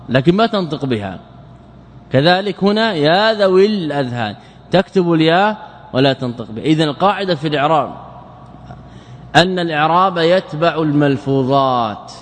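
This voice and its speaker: Male grammar teacher, slightly high voice, quizzes the class and drills each rule by repetition; recorded in a reverberant lecture hall. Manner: questioning students and answering himself; repeats key phrases for emphasis.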